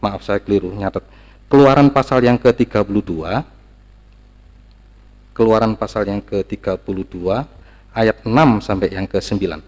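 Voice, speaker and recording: A man's voice: fairly low pitch, moderate pace, pauses often, darkish tone, long reverb tail. Emphatic man preaching a sermon. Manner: emphatic, repetitive, rising to stressed peaks.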